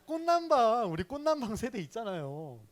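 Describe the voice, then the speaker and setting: A young man with a very high, very animated voice and a moderate pace delivers his personal faith testimony as a sermon at a youth service. A youth ministry speaker, he stays chatty and playful with his listeners.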